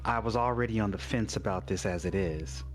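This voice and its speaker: A man's voice: lowish voice, fairly quick, voice pushed down, close to an everyday voice. A man voicing an exasperated, haughty female astral elf in a tabletop role-playing game.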